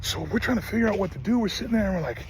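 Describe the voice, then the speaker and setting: A man's voice: high-pitched, lively intonation, racing, slight background noise. A middle-aged man retelling a story about his horse in a casual vlog, earnest and emphatic, often restarting his sentences. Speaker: horse owner vlogger.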